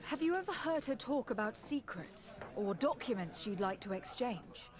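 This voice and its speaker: A woman's voice: on the high side, animated, moderate pace, slightly rough. A woman playing a composed, courteous noblewoman legate in a video game, formal and self-assured. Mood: inquiring. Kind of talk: video game character acting.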